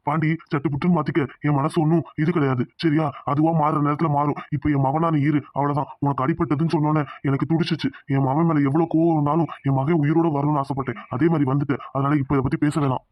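A man's voice: fairly high pitch, level tone, fast talker, few pauses, dry recording, natural voice. A man voicing a stern proud village father. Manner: stern, commanding. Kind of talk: cartoon dubbing. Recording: dull lo-fi audio.

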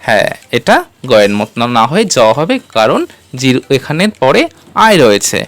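A woman's voice: rumbling low, sing-song, moderate pace, no room sound. A woman teaching English pronunciation in a step-by-step spoken lesson, patiently spelling out letters and quizzing the viewer.

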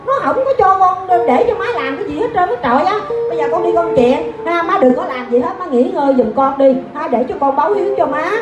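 A woman's voice: high-pitched, highs cut off. A woman with a Southern Vietnamese accent playing a chattering daughter who fusses over her mother while loading her with chores. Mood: indignant. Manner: rapid, fussing and exclaiming. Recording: echoey stage with music.

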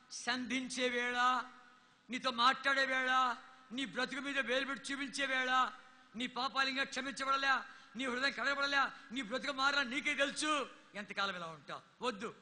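A man's voice: very high voice, sharp tone. A man preaching a sermon, pleading urgently and repeating his appeals as he calls listeners forward. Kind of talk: sermon with altar call. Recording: reverberant hall.

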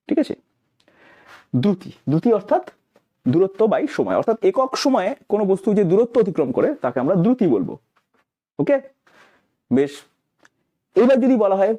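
A man's voice: high-pitched, warm tone. A male physics teacher, lecturing emphatically and answering his own questions as he explains. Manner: mixes English terms into explanations.

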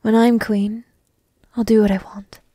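In an ASMR roleplay, a woman voices a young dragon princess who is coy, teasing, and lovestruck, half-whispering in a soft, breathy, intimate way. The tone is pleading and wistful, the pitch a little high, the delivery flat and unhurried. The recording is dry and studio quality.

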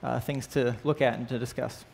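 With a darkish, creaky, medium-pitched voice, a man speaks a little fast and keeps his intonation fairly even. He teaches a church class from an indoor stage with band equipment, after an opening prayer. Chatty and informal, he often asks the class questions and says "right?" and "uh" frequently.

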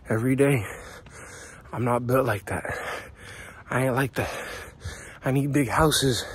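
A man's voice: mid-range voice, slightly rough. A young man talking to his camera while running outdoors, out of breath, blunt and swearing, pushing himself along. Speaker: vlogger. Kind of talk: casual running vlog. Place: outdoors on a neighborhood street at dawn.

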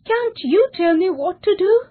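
Woman acting out a selfish rich young man, lonely, high and pleading, swooping voice, storybook. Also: sing-song, takes it slowly, husky, heavily acted. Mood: begging. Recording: tinny phone-like sound.

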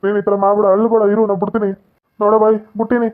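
A man playing a childish, lovesick madman son in a village comedy skit, insisting and whining fast. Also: high-pitched, level tone, lightly acted. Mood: coaxing. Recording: tinny phone-like lo-fi audio.

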